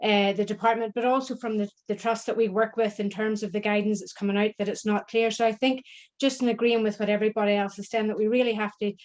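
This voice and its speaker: Woman charity rep, flat even delivery, appreciative, says "really" a lot. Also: medium pitch, fast. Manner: repeats "really", appreciative, filler uhs. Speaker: charity representative. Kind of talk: webinar contribution.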